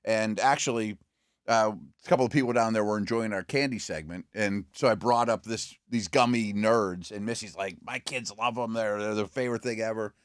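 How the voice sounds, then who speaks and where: A man co-hosting a casual sports radio show in a studio, relaxed and chatty, telling stories. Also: on the low side, normal speed, clear, resonant tone, no room sound. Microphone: studio mic.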